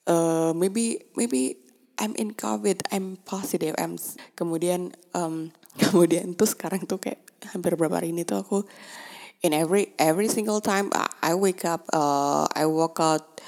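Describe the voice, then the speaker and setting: A woman with a deep, somewhat dark voice talks casually in a monologue. Indonesian is her first language, and her English is hesitant, full of fillers and restarts, with frequent laughter and switches into Indonesian mid-sentence.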